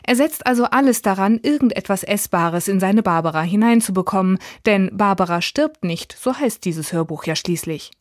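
A woman presenting an audiobook in calm, measured scripted narration. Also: mid-range voice, no room sound, clean studio sound.

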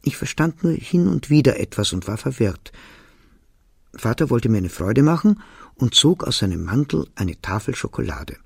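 Man reading an audiobook, low gravelly husky voice, calm and measured. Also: no room sound, studio quality. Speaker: narrator.

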